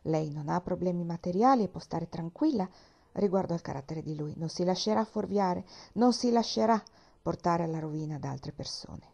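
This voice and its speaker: A woman reading the part of Mrs Smith, a shrewd, knowing widow who speaks in a confiding, gently teasing way. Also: fairly low pitch, moderate pace, vocal fry.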